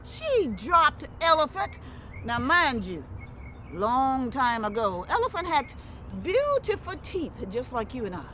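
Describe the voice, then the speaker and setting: A woman with a Lowcountry Gullah Geechee accent telling a folktale aloud in a theatrical, emphatic way, repeating phrases. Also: very animated, takes it slowly, fairly bright tone. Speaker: storyteller. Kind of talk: animated oral folktale telling. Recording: clearly noisy background.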